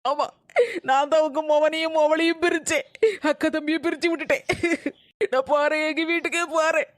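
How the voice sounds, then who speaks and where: A woman plays a young daughter-in-law in a cartoon comedy who argues back fast and defensively. Her voice sits high and the sound is dry and close. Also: flat delivery, no room sound, close to an everyday voice. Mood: hurt. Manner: defensive, argumentative.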